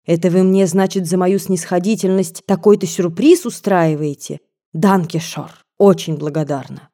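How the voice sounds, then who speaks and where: A woman's voice: lowish voice, normal speed, mellow, lightly acted. A woman voicing a kindly but scolding older German governess with a German accent, grumbling and mixing in German words.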